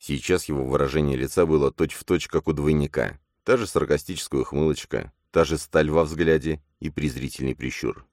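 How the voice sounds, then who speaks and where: A man narrating an audiobook in an expressive storytelling manner. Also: rumbling low, normal speed, few pauses, dry recording, studio quality. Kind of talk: scripted narration.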